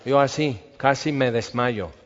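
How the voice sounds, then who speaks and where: A man's voice: medium pitch, unhurried, a little hiss or hum. A man preaching a sermon, telling stories with animation and acting out the scenes. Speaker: pastor. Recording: dull reverberant hall sound.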